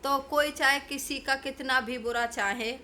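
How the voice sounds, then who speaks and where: A woman's voice: high-pitched, fairly even intonation, a little slow, bright, forceful tone, slight background noise. A woman vlogger delivering a ranting commentary, scolding and confronting people in a preachy, combative way. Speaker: YouTube vlogger.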